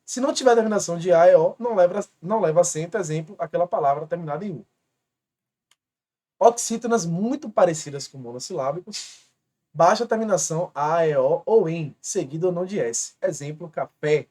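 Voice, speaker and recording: A man from Brazil with a warm, somewhat high voice and lively intonation teaches an exam-prep grammar lesson. He explains step by step, writing on a board and slowly repeating each example word.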